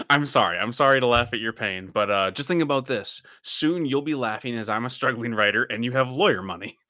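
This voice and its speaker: Guy hosting a podcast, bright voice, dry close mic, laughs a lot. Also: mid-range voice, expressive, no echo. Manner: jokey, laughs often, quick asides. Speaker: podcast host. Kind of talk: casual podcast chat.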